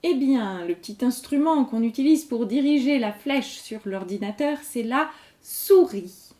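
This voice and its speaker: She reads general-knowledge quiz questions twice, slow and clear, and explains each answer with patience. Her voice is a little high and dark in tone, animated but unhurried.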